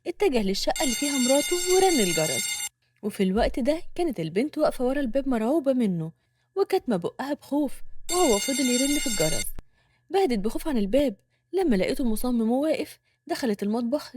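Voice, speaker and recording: A woman with an Egyptian accent narrating a dramatic serialized story in brisk, scripted narration. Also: on the high side, very animated, darkish tone, slight background noise.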